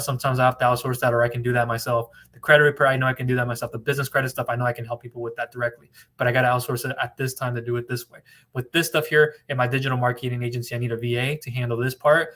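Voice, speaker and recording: Bright-voiced confident man from California. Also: medium pitch. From Orange County, California. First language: bilingual in English and Spanish. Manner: confident, rambling, repeats himself. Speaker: business funding broker hosting a livestream. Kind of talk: casual livestream talk answering viewers.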